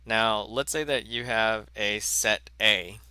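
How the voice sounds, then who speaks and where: Slow, halting man teaching math. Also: on the low side, bright, forceful tone, smooth, dry recording. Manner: slow and halting, full of fillers and self-corrections. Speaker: math instructor. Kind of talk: recorded lecture.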